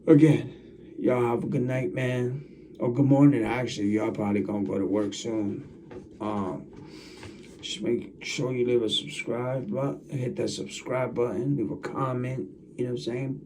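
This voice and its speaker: A man's voice: medium pitch, steady tone, moderate pace, mellow, distant mic, slight background noise. A man talking casually to his viewers as a channel host, rambling and repeating himself as he talks straight at the camera. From United States. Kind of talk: casual vlog monologue.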